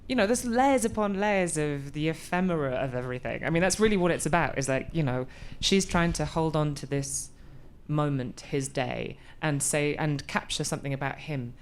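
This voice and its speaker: A woman's voice: low-pitched, moderate pace, hardly any pauses, clear, resonant tone. A woman in her forties being interviewed about her acting work, thoughtful and often restarting as she searches for words. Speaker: actor, interview guest. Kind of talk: conversational interview.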